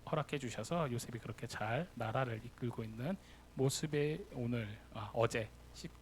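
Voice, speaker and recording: A young man delivers a sermon to young adults, pitched slightly high for a man. He tells the story with energy and slips into acted lines for the figures he describes. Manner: lively storytelling, acting out quoted lines. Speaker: youth pastor.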